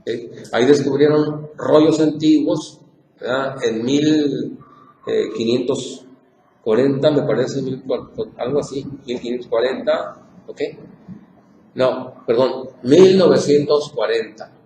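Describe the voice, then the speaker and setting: A man's voice: mid-range voice, takes it slowly, dark tone. A man with a Mexican Spanish accent teaching an informal Bible class, repeating points and asking the group questions. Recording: echoey room with faint noise.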